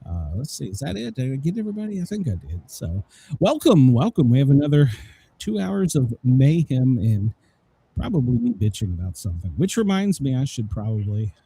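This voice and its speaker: Husky, mellow man hosting a lively show. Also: mid-range voice, brisk, no room sound. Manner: rambling, irreverent. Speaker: radio show host. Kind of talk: casual comedic live-show chat.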